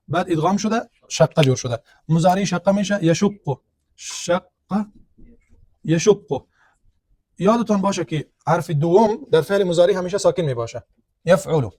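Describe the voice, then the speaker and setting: A man's voice: high voice, darkish tone, no echo. A male teacher, giving a grammar lecture. He works through each point step by step, often asking a question and answering it himself. The recording is close and dry, with no room sound. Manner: explains step by step, asks and answers his own questions.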